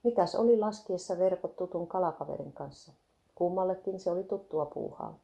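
A woman narrating a devotional story aloud in a steady, even reading. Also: lowish voice, highs cut off.

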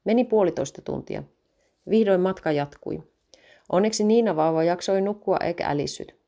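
A woman reading a story aloud in a calm, even storytelling manner. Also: lowish voice, creaky.

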